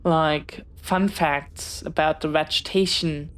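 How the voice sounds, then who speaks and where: In a one-sided audio roleplay, a woman voices the young child of a pirate captain, speaking low, steady and unhurried. The bookish character is curious, friendly and keen to make friends, choosing careful, well-spoken words with a hint of hesitance.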